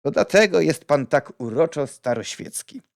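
A man reading an audiobook and voicing a lively, blunt young woman with a playful, outspoken manner. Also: fairly high pitch, moderate pace, gravelly, no echo, clean studio sound, pitched above the performer's own voice. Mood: teasing.

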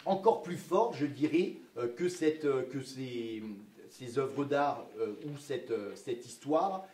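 Man lecturer, halting delivery with lots of fillers, roomy sound, mic set back from him. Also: mid-range voice, lively intonation, a little mellow. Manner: hesitant, full of filler words and restarts. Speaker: history lecturer. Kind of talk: public lecture. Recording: echoey room, mic from far off.

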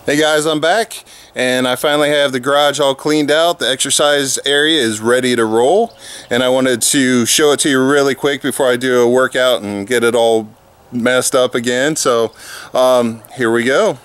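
A man's voice: medium pitch, normal speed, clean tone. A man in his thirties chatting casually in a vlog, filmed on a handheld camera outside his house and in his garage. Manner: relaxed, rambling with fillers. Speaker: fitness vlogger. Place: outdoors by a house, then a garage. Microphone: handheld camera at arm's length.

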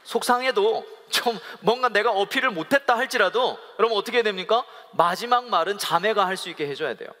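A pastor delivering a humorous sermon to a live congregation, acting out little quoted exchanges between couples and leading the people in call-and-response. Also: male voice, high-pitched, fairly bright tone. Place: church worship hall. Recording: live in a reverberant worship hall.

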